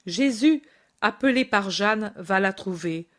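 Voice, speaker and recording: A woman narrating a devotional audiobook in a deliberate reading manner. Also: mid-range voice, animated.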